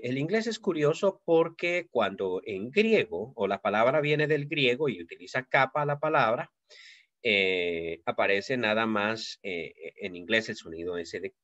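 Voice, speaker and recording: A man teaching a Greek grammar class, explaining slowly with many fillers and checks for understanding. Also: mid-range voice, fairly bright tone, no echo, muffled recording. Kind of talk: recorded class lecture.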